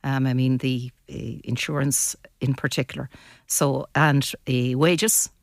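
A woman's voice: a bass voice, fairly even intonation, unhurried, no echo, studio quality. An older woman with a west of Ireland accent, talking casually and bluntly as a guest on a panel discussion. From Mayo, west of Ireland.

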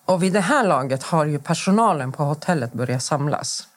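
Low-voiced and animated, a woman in her forties from Sweden talks as a podcast guest about her own experiences. She recounts events in detail, performs the dialogue she quotes, and frequently stops and restarts sentences.

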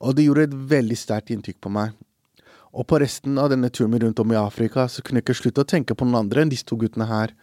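A young man recalls a story in an interview, earnest and reflective, pausing often on fillers. His voice sits in a middle register and is recorded close and dry, with no room sound. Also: medium pitch, warm tone, no room sound. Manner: earnest, reflective, with frequent hesitations. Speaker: comic creator and interview guest.

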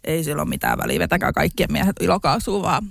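A woman's voice: deep voice, wildly swooping pitch, vocal fry, no room sound, clean studio sound. A young woman on a podcast telling her own story in casual chat, candid, laughing often and swearing freely.

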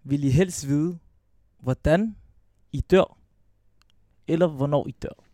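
A man's voice: fairly high pitch, warm tone, dry recording. A young man co-hosting a podcast in casual chat, bantering and argumentative. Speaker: podcast co-host.

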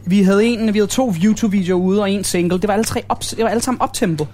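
A man with a fairly high voice chats backstage as an animated storyteller, cursing freely as he talks. There is a light hiss of noise under the recording. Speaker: band member being interviewed. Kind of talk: casual backstage chat. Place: backstage room.

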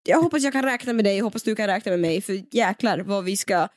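A woman's voice: medium pitch, dry recording, studio quality. A young woman co-hosting a podcast in casual chat, enthusiastic and chatty. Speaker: podcast co-host.

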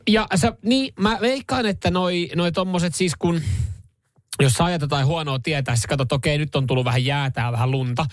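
A man co-hosting a morning radio show, chatty and interjecting as he reasons out loud. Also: on the high side, dry recording, clean studio sound. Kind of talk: casual radio chat. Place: radio studio. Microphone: studio microphone.

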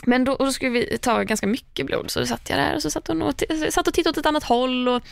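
A woman's voice: high voice, vocal fry, clean tone, no room sound. A woman telling a personal story in casual chat, laughing often, swearing casually and acting out what others said.

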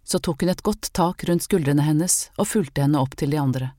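A woman reading a historical novel aloud in calm, measured narration. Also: low-pitched, dry recording, clean studio sound. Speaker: audiobook reader. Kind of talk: scripted narration.

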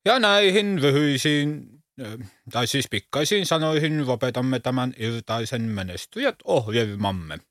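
A man's voice: mid-range voice, lively intonation, a bit bright, dry recording, studio quality, close to an everyday voice. A man playing a smug talk show host in a comedy sketch, speaking fussily and tripping over his words.

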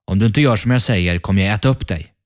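A man's voice: fairly low pitch, lightly acted. A man voicing a sly, hungry male wolf who raises his voice to pass as a mother goat. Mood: menacing. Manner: wheedling, falsely sweet.

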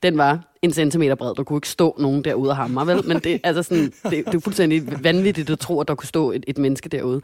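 A woman's voice: deep voice, few pauses, no room sound. A woman telling a childhood story in a casual chat, acting out what people said with changing voices. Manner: animated, acts out quotes with shifting voices.

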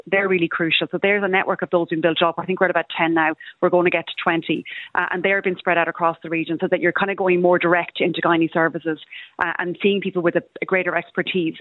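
Fast-talking woman, west of Ireland accent. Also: lowish voice, dry recording, phone-quality sound. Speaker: politician, panel guest. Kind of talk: fluent explanatory radio discussion.

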